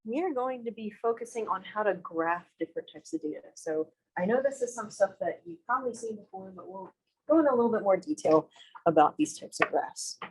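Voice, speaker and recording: A woman's voice: a little high, very animated, a little fast, a little mellow, slightly rough, rough recording. A young woman lecturing a math class in a classroom, casual and self-deprecating, often asking the students questions. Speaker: math instructor.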